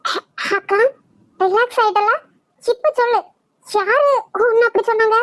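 A woman's voice: very high voice, a little slow, a bit bright, dry recording. A woman voicing a loyal younger sister comforting her sibling, with a Kanyakumari Tamil accent. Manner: pleading, comforting.

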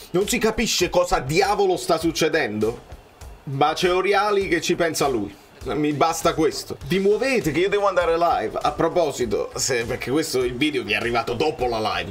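A young man reacting live to a football match, cheering players and shouting at missed chances. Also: on the high side. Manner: excitable, swings from muttering to shouting at plays.

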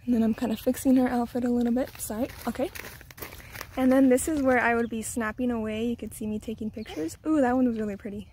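A young woman talks casually into a camera mic outdoors in a garden, a little out of breath and flustered. Her voice sits a touch high, and a faint outdoor hiss stays under her chatter. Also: steady tone, fast, a little mellow. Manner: chatty, slightly flustered, switches to high sing-song when coaxing her toddler. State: a bit out of breath. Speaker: vlogger and mother. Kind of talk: casual outdoor vlog with tips.

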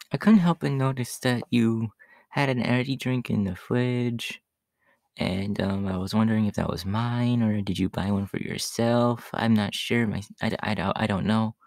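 Catboy played by a man: young, gentle, bashful, mid-pitched, unhurried, halting soft delivery, ASMR role-play audio. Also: no room sound, natural voice. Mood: bashful, grateful. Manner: hesitant, bashful, soft-spoken with nervous giggles. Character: shy, gentle young catboy living with partner.

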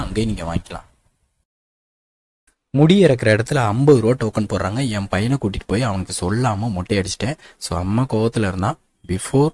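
A man from Tamil Nadu talks through a travel guide at a quick clip. His voice is dark and mellow, and his practical, matter-of-fact manner speaks straight to the viewer. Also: mid-range voice, slight background noise. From Tamil Nadu, India. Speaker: travel vlogger.

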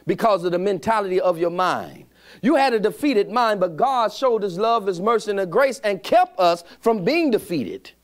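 A middle-aged man preaching in a church sanctuary, his voice sitting a little high and swinging widely between rising calls and low asides. He stretches out key phrases and throws questions to the congregation for them to answer back. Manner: call-and-response preaching, drawn-out emphatic phrases. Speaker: pastor. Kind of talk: sermon.

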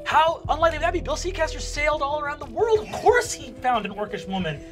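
A man in his thirties narrates as game master, his voice swinging lively and wide between excited outbursts and soft, conspiratorial asides. He talks from a studio game table. Music plays underneath. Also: extremely high pitch, quick pace. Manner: animated, playful, drops to hushed asides. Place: tabletop game studio with a large miniature set.

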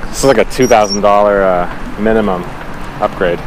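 A man in his thirties chatting casually while filming on a sailboat, relaxed, with lots of fillers. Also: fairly low pitch, moderate pace. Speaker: sailing vlogger. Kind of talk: casual chat. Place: outdoors on a sailboat. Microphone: action camera on the boat. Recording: loud wind and water noise. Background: wind and water.

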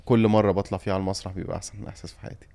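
His voice is lowish, creaky and dark, held at a level tone while he races ahead. The young Egyptian singer-actor, speaking with an Egyptian Arabic accent, recounts a story with feeling and repeated emphasis. It's an animated podcast chat where he is the guest.

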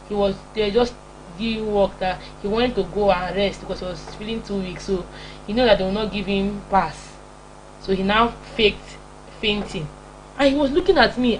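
A young Nigerian woman, a preacher and broadcast host, delivers an informal motivational sermon in a mid-range voice, scolding her listeners with emphatic repetition in a Nigerian accent. She records in a small home-style indoor studio, and the rough audio carries clear background hum and noise.

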